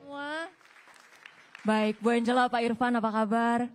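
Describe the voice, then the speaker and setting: A woman's voice: on the high side, steady tone, unhurried, faint music behind, some chatter behind. A young woman hosting a live campus talk show on stage, bantering and teasing the student audience. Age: young adult. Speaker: event host.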